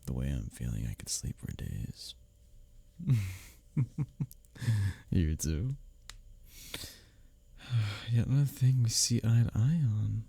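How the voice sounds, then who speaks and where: In an intimate one-sided ASMR roleplay, a man plays a sardonic office rival who bickers and teases but secretly cares. His low, husky voice is very animated and exaggerated, swinging expressively yet slow, dark in tone, and full of pauses as he needles you with tired teasing. He chuckles between lines, a caring streak showing beneath the jabs.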